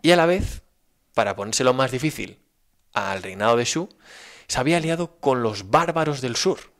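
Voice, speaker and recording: A man with a Spanish accent telling a story in a casual, animated, folksy way, often checking in with his listener. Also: mid-range voice, moderate pace. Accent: Spain. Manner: animated, folksy, frequent "¿vale?" check-ins.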